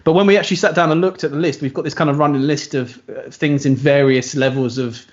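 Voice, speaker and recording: A man's voice: on the high side, fairly even intonation, fast talker, dull audio. A man, a band member chatting loosely in an interview, often restarting his sentences. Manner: rambling, self-correcting. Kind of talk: casual video call interview.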